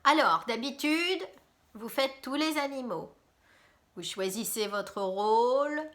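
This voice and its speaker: A woman teacher telling a story to her pupils, speaking directly to them and inviting them to join in. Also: on the high side. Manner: slow, animated, addressing pupils directly. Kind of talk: storytelling to children.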